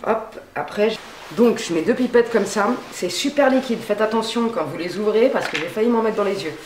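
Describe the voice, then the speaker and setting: A woman's voice: medium pitch, fairly quick, darkish tone, slight background noise. Slangy woman chatting in an echoey room. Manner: chatty and slangy, often trails off with fillers. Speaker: beauty vlogger. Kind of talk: casual hair-dye tutorial chat. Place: home at night.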